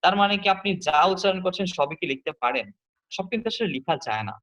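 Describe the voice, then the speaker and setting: A man's voice: high-pitched, expressive, fast, pushed and bright, low-quality recording. A man teaching an online class. He explains step by step, repeats his key points and puts questions to his students.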